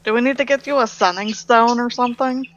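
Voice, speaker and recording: A woman's voice: a little high, fairly quick, crowd noise. A woman playing a tabletop role-playing game, talking in a blunt, teasing way. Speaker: player. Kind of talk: tabletop role-play banter. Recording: dull lo-fi audio.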